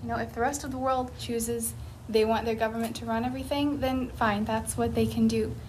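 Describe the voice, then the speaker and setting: Firm emphatic woman, fairly high voice. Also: level tone, brisk, darkish tone, a little hiss or hum. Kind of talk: casual interview. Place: indoor meeting room.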